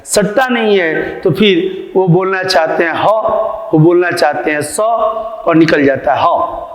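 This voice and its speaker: A male teacher gives a grammar lesson to children, slowly explaining and asking and answering his own questions. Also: high voice. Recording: echoey room with long reverb.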